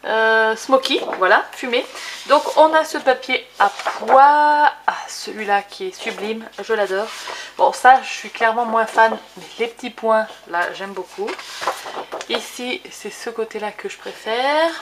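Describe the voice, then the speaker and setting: A woman's voice: a little high, unhurried, slight background noise. A woman hosting a casual scrapbooking tutorial, chatty with many fillers as she shows her papers. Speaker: crafting video host.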